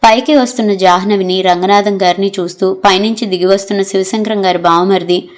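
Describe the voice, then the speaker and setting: A woman narrates a novel aloud in steady, measured scripted reading. Her voice sits in a middle pitch range, even and unhurried. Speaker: audiobook narrator.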